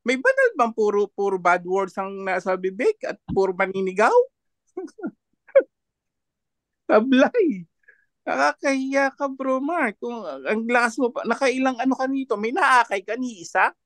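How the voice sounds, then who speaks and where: A man's voice: very high-pitched, very animated, unhurried, a bit bright, dry recording. A man commenting as a panelist in an online discussion, mocking and laughing often between his points.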